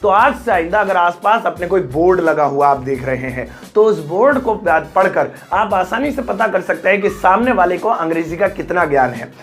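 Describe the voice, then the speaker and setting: A man's voice: sits high, animated, moderate pace, hardly any pauses, a bit bright, faint music behind. An Indian man teaching English in Hindi, talking chattily and acting out little scenes with friends and pupils. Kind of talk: Hindi-language English lesson to camera.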